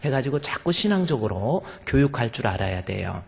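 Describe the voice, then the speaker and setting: A man's voice: mid-range voice, big pitch swings, brisk, creaky, husky. A male pastor preaching a sermon to his congregation, emphatic and full of rhetorical questions. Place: church sanctuary. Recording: long church reverb.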